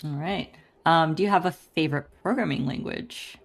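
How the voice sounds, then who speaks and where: A woman with a somewhat low, gravelly voice hosts a podcast interview at a normal pace. Bubbly and upbeat, she laughs easily between her questions.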